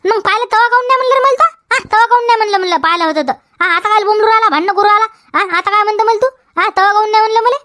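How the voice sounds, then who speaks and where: A woman's voice: extremely high pitch, very fast, hardly any pauses, bright, forceful tone, no room sound, clean studio sound. A woman with a Vidarbha Marathi accent playing a quarrelsome village wife who argues back and repeats her questions in a comedy sketch. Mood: defiant. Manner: argumentative, repeats questions, tags "हा?".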